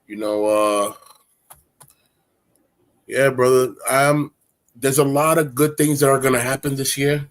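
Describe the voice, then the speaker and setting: A man's voice: medium pitch, steady tone, measured pace, long pauses. A man in his forties hosting a casual chat, talking in a rambling, candid, streetwise way. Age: 40s. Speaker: host.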